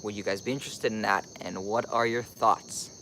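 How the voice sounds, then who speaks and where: A man's voice: lowish voice, steady tone, moderate pace, pushed and bright, a little hiss or hum. A teenage young man from Costa Rica chats casually as a live-streaming vlogger, rambling and thinking aloud with lots of filler "like"s.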